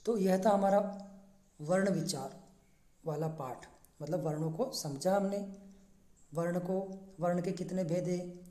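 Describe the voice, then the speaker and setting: A teacher speaking slowly and patiently, spelling out each word letter by letter in a mellow, relaxed voice. The voice rings in a roomy, echoey space. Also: medium pitch. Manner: slow, patient, breaks words into letters one by one. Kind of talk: classroom lesson, spelling out syllables.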